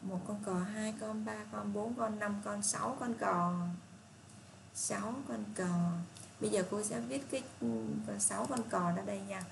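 A woman tutor reading a first-grade math workbook aloud to children, slow and patient, asking them encouraging questions. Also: medium pitch, gravelly, slight background noise. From Vietnam. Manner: slow, patient, reads problems aloud deliberately.

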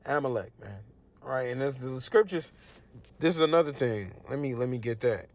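A man teaching scripture in a casual, emphatic way, reading verses aloud and often checking in with a quick "right?". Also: medium pitch, animated. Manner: conversational and emphatic, often tags questions with "right?". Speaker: Bible teacher.

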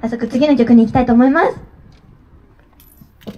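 A woman's voice: a little high, steady tone, normal speed, dark tone, dull audio. A young woman who is an idol group member, emceeing onstage banter outdoors at night, chatty and playful with frequent laughs. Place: outdoor community park at night.

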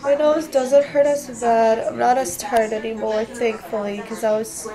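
A young woman talking casually in a home vlog, tired and sore after nose surgery, rambling in a low-key way. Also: flat delivery, normal speed, a crowd in the background, poor audio. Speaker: vlogger recovering from nose surgery. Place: at home indoors.

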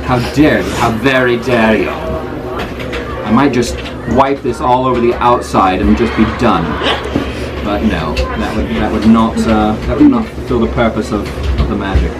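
A middle-aged man improvising fantasy lore as master of a fair ceremony, theatrical and mock-indignant, with halting delivery. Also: on the low side, loud music behind the voice. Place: open-sided wooden booth in the woods at a fair. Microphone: camera a few steps away. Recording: noisy, distant outdoor camera recording. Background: loud ambient fairground noise.

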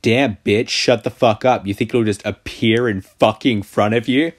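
A man's voice: lowish voice, fairly even intonation, moderate pace. A man doing casual gameplay commentary, sarcastic and crude, mocking the game. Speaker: gaming channel host. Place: voice-over of a mobile game.

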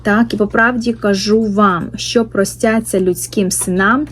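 A woman giving an informal Bible study talk, pausing often with fillers and tag questions and reading verses aloud slowly. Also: medium pitch, steady tone, slightly rough. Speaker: Bible teacher.

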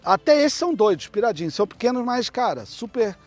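A man's voice: extremely high pitch, sing-song, brisk, faint music behind. A man hosting a casual dog vlog, chatting loosely and barking short commands at a dog. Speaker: dog breeder, channel host. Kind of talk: casual chat and dog training outdoors.

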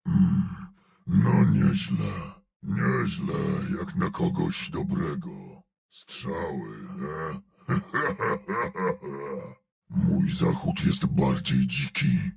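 An actor voicing a huge, gruff male brute in a video game, growling out terse battle callouts and dry sardonic remarks in a gravelly voice. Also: rumbling low, huge pitch swings, very slow, exaggerated voice.

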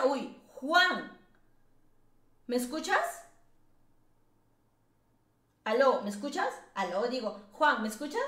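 A woman's voice: high-pitched, pushed and bright, echoey room. A woman hosting a casual game live stream, chatty and teasing, laughing often.

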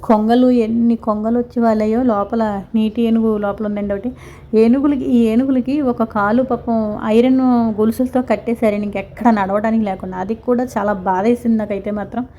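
Woman vlogging, kinda high mellow voice, rambly and sympathetic, faint noise behind. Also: steady tone, normal speed. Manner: chatty, sympathetic, rambling with restarts. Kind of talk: casual vlog voice-over.

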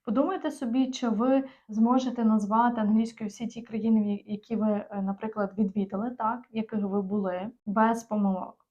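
A woman from Ukraine, an English teacher giving an online lesson, explaining patiently and slowing down for example phrases. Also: a little high, steady tone, a little mellow. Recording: dull, muffled lo-fi recording.

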